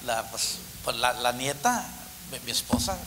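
A man's voice: medium pitch, a little slow, noisy background. A man, a comedian telling stories on stage with stammering repeats. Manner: animated storytelling with stammering repeats. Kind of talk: stand-up comedy.

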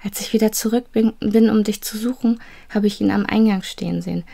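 A woman's voice: medium pitch, steady tone, a little fast, gravelly, warm tone, no room sound, pitched above the performer's own voice. Woman doing a fiery, bossy young girl. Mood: urgent. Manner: urgent, bossy. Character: brave, fiery young girl, best friend.

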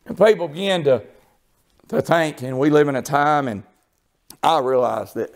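A man preaching a sermon in a church, swinging from shouted, tearful peaks to a low, confiding storytelling tone with plenty of fillers. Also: lively intonation, moderate pace. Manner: rises into shouted, tearful crescendos, then drops to a low confiding tone; homespun storytelling with many fillers. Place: church sanctuary.

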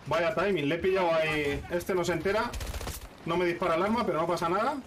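High-voiced Spanish game streamer. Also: male voice, fast, recorded from a distance, slight background noise. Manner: excited running commentary with swearing and teasing. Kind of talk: live gameplay commentary.

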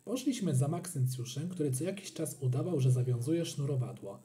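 Expressive man reading a storybook. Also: a little high, a little fast. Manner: expressive, animated. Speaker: narrator.

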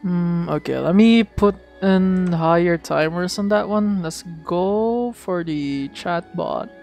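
A man streaming a game, chatting casually and excitably, swearing freely as he talks to his viewers. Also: high voice, takes it slowly, creaky, soft background music. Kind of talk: casual live-stream chat.

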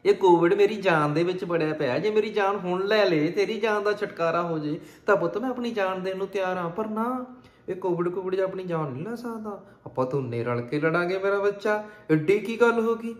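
A man voicing an elderly mother who soothes and reassures her grown son in a gentle, coaxing way. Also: mid-range voice, expressive, normal speed, lightly acted. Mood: tender. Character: elderly mother, tender and steadfast. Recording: roomy echo.

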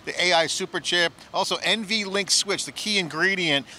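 A middle-aged man hosting an on-site tech analysis chat outdoors with a handheld mic, talking in a rapid, enthusiastic, riffing way. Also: high voice, pushed and bright, slight background noise. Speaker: tech show host. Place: outdoor plaza at a conference.

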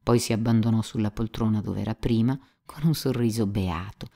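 Low, gravelly woman narrating a novel. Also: fairly even intonation, brisk, mellow. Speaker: audiobook narrator. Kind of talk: literary audiobook narration.

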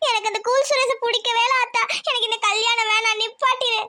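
Lady doing a young village bride for a cartoon, pleading, high bright voice. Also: fairly even intonation, a little fast. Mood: tearful. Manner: tearful, pleading. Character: young village bride, gentle then tearful. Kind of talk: cartoon voice acting.

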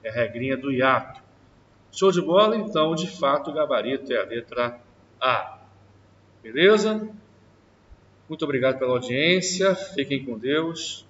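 A man's voice: medium pitch, fairly bright tone, a little hiss or hum. A man, a teacher walking through an exam question and stretching out the key words. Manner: slow, drawn-out stress on key words. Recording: distant, dull mic in reverberant room.

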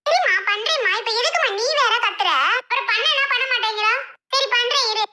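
A woman's voice: extremely high pitch, moderate pace, background noise. A woman doing a chirpy, eager young woman. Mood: exasperated. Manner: eager, pleading. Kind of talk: homemade family skit.

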